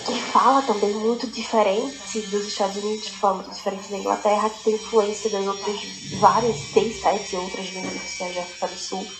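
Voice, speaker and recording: A woman's voice: medium pitch, brisk, hardly any pauses, music in the background. Pernambuco-accented woman teacher, echoey room. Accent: Pernambuco Brazilian Portuguese. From Pernambuco, Brazil. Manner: animated, emphatic, thinking aloud. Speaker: language teacher, podcast guest. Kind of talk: explanatory podcast chat.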